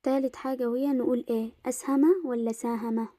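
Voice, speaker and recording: A young woman with an Egyptian Arabic accent teaching an Arabic lesson in a casual explanatory way, slowing down to stress word pairs. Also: on the high side, little pitch movement, dark tone, dry recording, clean studio sound.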